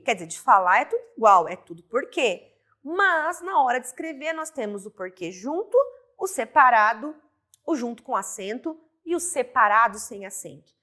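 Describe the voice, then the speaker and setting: A woman's voice: on the high side, a bit bright. A woman teaching a grammar lesson, explaining step by step and checking in with her students. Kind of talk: recorded online grammar lesson.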